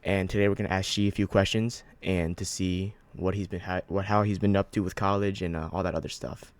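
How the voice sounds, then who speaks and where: A man's voice: low voice, fairly even intonation, fairly quick, smooth, no echo. A man hosting a casual interview, asking rambling questions with lots of fillers and restarts. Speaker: host, interviewer.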